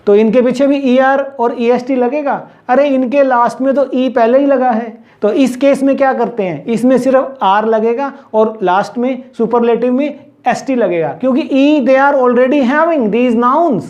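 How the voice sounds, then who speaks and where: A man's voice: very high-pitched, a little slow, few pauses, darkish tone, lo-fi sound. A male grammar teacher, explaining in Hindi and drilling word lists aloud, putting questions to his class and answering them himself. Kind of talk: classroom-style lesson.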